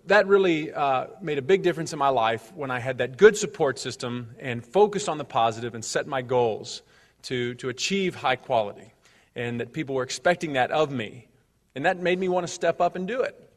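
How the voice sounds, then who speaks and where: Upbeat motivational speaker in a reverberant hall. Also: male voice, a little high, fairly bright tone. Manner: upbeat, joking, gets the audience to repeat phrases. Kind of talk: motivational speech to a live audience. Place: large hall with an audience.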